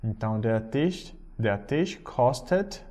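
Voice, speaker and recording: A man teaching German, explaining patiently and reading German phrases slowly. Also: mid-range voice, lively intonation, dark tone. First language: Portuguese. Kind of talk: recorded language lesson.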